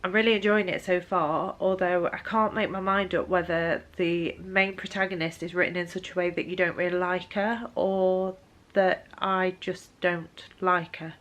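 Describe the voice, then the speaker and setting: A woman's voice: lowish voice, fairly even intonation, normal speed, few pauses, muffled recording. A young adult woman, giving a casual book vlog update, tired, hesitant and full of ums. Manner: hesitant, lots of ums, soft and weary. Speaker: book vlogger.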